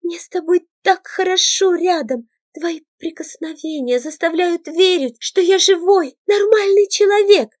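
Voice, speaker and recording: A woman's voice: very high voice, unhurried, darkish tone, dry recording, voice pushed up. A woman voicing a tender desperate ghost girl. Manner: emotional, pleading, tearful outbursts. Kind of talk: audiobook character voice.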